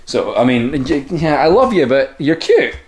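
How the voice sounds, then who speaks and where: A young man chatting playfully in a vlog, his voice husky and a bit wheezy from allergies. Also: on the high side, moderate pace. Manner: playful, teasing, lively. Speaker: vlogger. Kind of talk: casual vlog chat.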